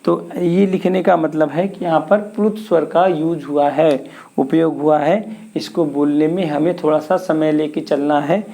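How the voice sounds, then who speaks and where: Man, teacher, mellow voice, exam-prep grammar lesson, asks and answers his own questions. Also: fairly high pitch, fairly even intonation, measured pace, vocal fry. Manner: poses questions and answers them himself.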